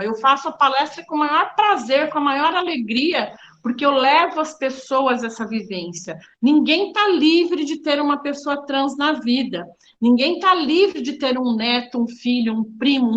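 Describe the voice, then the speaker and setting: A woman's voice: high voice, fairly bright tone, dull audio, a little hiss or hum. A middle-aged woman giving a public lecture as a diversity official, frank and didactic, addressing the audience directly.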